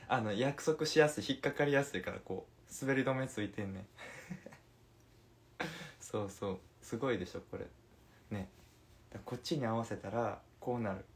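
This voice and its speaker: A man's voice: fairly low pitch, unhurried, pauses often. A man in his twenties hosting a casual phone livestream, answering viewers' comments in a playful, chatty way and giggling between remarks. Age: 20s. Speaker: livestream host.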